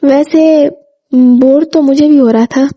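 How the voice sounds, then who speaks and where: Storybook: a woman doing a friendly young woman, polite and affectionate, high and soft. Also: steady tone, slow pace.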